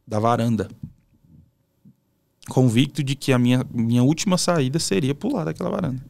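A man's voice: mid-range voice, vocal fry, darkish tone. A Brazilian man, a pastor guest on a podcast, telling a personal testimony in a casual, emotional, storytelling way with colloquial asides. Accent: Brazilian Portuguese.

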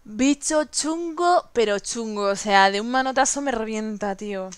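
A woman's voice: a little high, unhurried, very noisy. A young woman streaming a video game, chatting with viewers and her partner and yelping in panic when enemies attack. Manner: excitable, yelps and shrieks in panic during fights. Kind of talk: live gameplay commentary.

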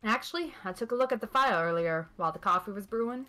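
Woman reading a clumsy earnest game detective, hammy, swooping delivery, bright tone. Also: medium pitch, lively intonation, quick pace, soft background music. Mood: worried. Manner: hammy, laughs between lines. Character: clumsy loyal male police detective, underpaid and earnest. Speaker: streamer voicing a game character. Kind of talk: playful live read-along of a game.

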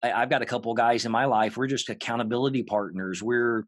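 A male host chats easily with his guest and drops in joking asides. His voice has a medium pitch and a dry, close sound. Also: fairly even intonation, fast, no room sound. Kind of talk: conversational interview.

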